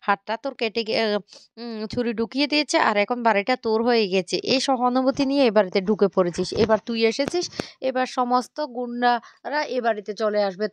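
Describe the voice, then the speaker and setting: A woman's voice: on the high side, quick pace, clear, resonant tone, no echo, lightly acted. A woman voicing an angry, suspicious younger brother who scolds and accuses.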